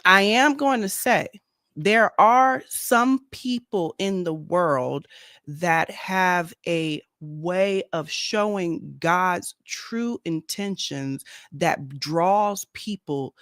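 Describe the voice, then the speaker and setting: A man speaking earnestly in a casual faith discussion on a video call, slowing down to stress his points. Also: fairly high pitch, pushed and bright, no room sound, clean studio sound. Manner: earnest, slow and deliberate when stressing a point. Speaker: panelist on a faith talk stream.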